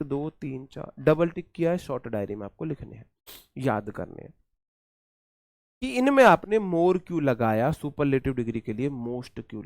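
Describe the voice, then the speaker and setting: A man teaching English grammar for exam preparation, repeating words slowly and calling his students "brother". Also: a little high, darkish tone, no echo, clean studio sound. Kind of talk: exam-prep lecture.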